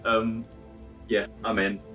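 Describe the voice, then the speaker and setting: A man's voice: lowish voice, little pitch movement, slow pace, pushed and bright, faint music behind, rough recording. A man playing a tabletop role-playing game, flustered and often laughing as he improvises. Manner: flustered, laughing, self-interrupting. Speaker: player. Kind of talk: casual tabletop play.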